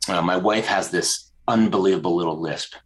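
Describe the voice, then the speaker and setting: A man's voice: low voice, moderate pace, rough recording. A man being interviewed as a creative director, telling stories in a casual chat and acting out the voices of people he quotes. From American South. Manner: animated storyteller, acts out quoted voices. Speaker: podcast guest, creative director.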